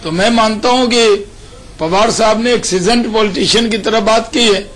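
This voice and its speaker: High-voiced man arguing firmly. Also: moderate pace, a bit bright, rough recording. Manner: firm, argumentative. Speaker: party spokesman. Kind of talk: political debate on a phone line.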